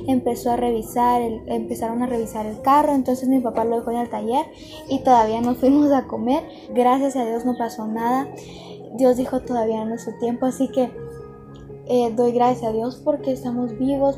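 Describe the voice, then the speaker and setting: Woman vlogging a storytime, high voice, chatty and earnest, music in the back. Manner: chatty, earnest, addresses viewers directly. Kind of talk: casual storytelling to camera. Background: background music.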